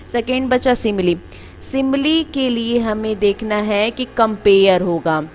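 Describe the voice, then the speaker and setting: A woman teaches a school grammar lesson. She explains each point step by step, poses questions and answers them herself, and addresses her students fondly. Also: mid-range voice. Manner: calls students "beta".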